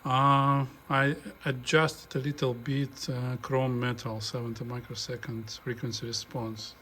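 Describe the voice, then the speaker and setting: Working hands-on, a hobbyist murmurs halting step-by-step remarks while fixing a tape deck, recorded on a phone held in front of him. His voice is medium-pitched, flat, and sharp-toned, with a little hiss or hum underneath.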